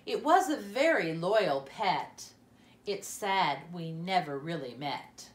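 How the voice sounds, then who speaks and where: A woman's voice: fairly low pitch, expressive, slow, roomy sound. A woman voicing a confident, proud young schoolgirl in a children's storybook. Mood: proud reciting.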